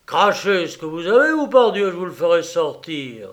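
A man voicing an older, furious, blustering millionaire who shouts threats and insults in a storybook reading. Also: high voice, slow pace, voice pushed up.

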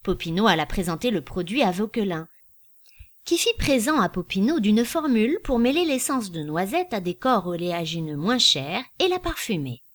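Expressive woman reading a novel. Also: medium pitch, moderate pace. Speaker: audiobook reader. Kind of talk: literary audiobook narration.

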